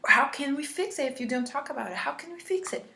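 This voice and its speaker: A woman mimicking a pushy male therapist in a whiny, pleading, high-pitched voice. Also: unhurried.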